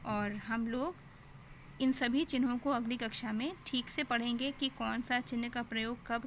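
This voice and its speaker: A young woman gives a grammar lesson in a voice pitched a little high, with a gravelly edge. She explains step by step, asks questions and then answers them herself. A faint hiss sits under the recording. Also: fairly bright tone. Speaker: teacher. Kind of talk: online Hindi grammar lesson.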